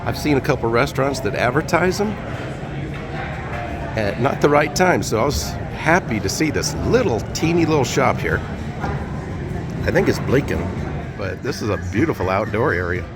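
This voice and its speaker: A man narrating a casual walking vlog with an easygoing, chatty way of thinking aloud, his voice still rough from the morning. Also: medium pitch, very animated, moderate pace, pauses often, over loud music. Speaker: vlogger. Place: outdoor plazas and market.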